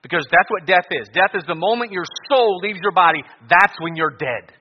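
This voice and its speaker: Male pastor, doomsday street-preacher fervor, emphatic repeated phrases, higher-pitched voice, long hall reverb, evangelistic sermon. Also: expressive, fairly quick, background noise. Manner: fervent doomsday street-preacher warning of judgment; emphatic, repeats phrases, swings from loud to hushed. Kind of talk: evangelistic sermon with altar call. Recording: dull, reverberant large hall PA.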